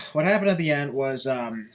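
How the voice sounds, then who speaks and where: A man's voice: fairly high pitch, animated, moderate pace. A young man hosting a casual podcast chat, heated and swearing freely between fillers. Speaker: podcast host.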